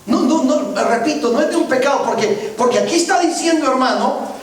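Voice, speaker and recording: A male pastor delivers his sermon in an unusually high voice, often pausing to ask whether his listeners follow. He stands well back from the microphone. His words ring through a heavily echoing church. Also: expressive. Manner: preaching, often checks in with listeners. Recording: very echoey church from far off.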